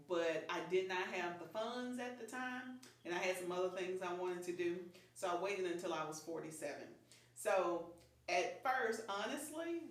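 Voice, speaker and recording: A woman's voice: mid-range voice, fairly bright tone. A woman in her fifties speaking frankly and openly as a guest in a casual chat. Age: 50s. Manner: frank, open, laughs easily. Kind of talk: candid personal chat. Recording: echoey room, voice from far off.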